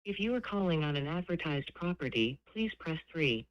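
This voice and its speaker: A woman's prerecorded phone message reading out a company's menu options in an even, scripted announcer delivery, heard over a phone. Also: low voice, normal speed, no echo, muffled recording. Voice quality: crisp, evenly paced announcer delivery. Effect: recorded phone message.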